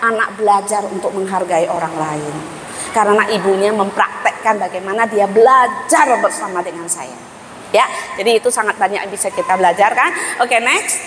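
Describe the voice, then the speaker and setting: A woman giving a lively parenting seminar, quizzing the audience and acting out parents and children. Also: medium pitch, normal speed, slight background noise. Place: school hall seminar. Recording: reverberant hall with faint ambience.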